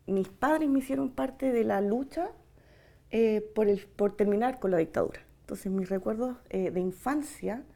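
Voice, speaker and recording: A Chilean woman in her 40s from Santiago gives personal oral-history testimony as an interviewee. Her voice is creaky, a little high and mellow, and she speaks reflectively and hesitantly, searching for words with long pauses.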